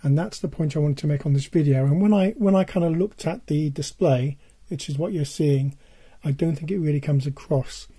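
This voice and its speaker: Older guy doing a casual tech video, hoarse voice giving out, really mellow, bit higher pitched, halting. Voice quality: husky, dull and worn. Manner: halting, repeats points for emphasis. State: losing his voice, hoarse and giving out. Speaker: presenter of a music tech video. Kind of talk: casual product-advice talk.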